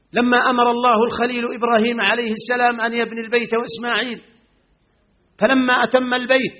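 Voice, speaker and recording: Male preacher, raised pitch, husky tone; emotive sermon tale, dull recording with long reverb. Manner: dramatic, emotive storytelling with sharp rises. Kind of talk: sermon storytelling. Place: large tent at a public event. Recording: echoey hall, dull lo-fi sound.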